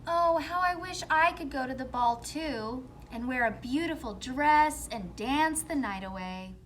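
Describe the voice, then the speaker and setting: Woman voicing sweet, high-pitched Cinderella, a wistful girl. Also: expressive, measured pace, a bit bright, a little hiss or hum. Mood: wistful, pleading.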